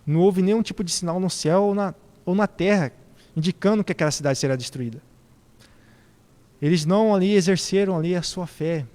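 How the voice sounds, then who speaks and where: A man's voice: sits high, a little mellow, in a large hall. A man preaching a reflective sermon who poses questions to his congregation.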